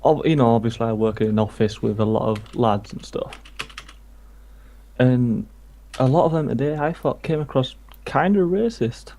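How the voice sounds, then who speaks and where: A man's voice: mid-range voice, normal speed, mellow, a little hiss or hum. A man from England chatting casually about football while streaming a game, rambling from point to point. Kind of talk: casual chat while gaming.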